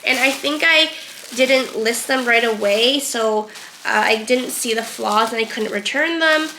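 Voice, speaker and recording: Still recovering from a cold, this young reseller vlogger talks casually and unhurriedly about her sold items, peppering her speech with "um" and "like." Her voice is fairly high and sharp, and the poor audio carries a slight hiss or hum.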